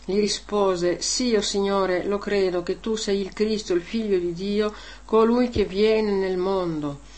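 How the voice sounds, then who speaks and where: A woman reading a Gospel passage aloud and then preaching a homily to a congregation, stressing key words and tagging points with questions. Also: medium pitch. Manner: emphatic, rising loud on key words, frequent "eh?" tags.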